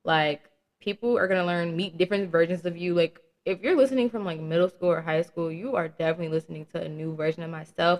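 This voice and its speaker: This podcast host, a young woman of about twenty, has a voice on the low side with a bit of brightness. Alone on her show, she talks casually and candidly, swearing, using slang and laughing at her jokes.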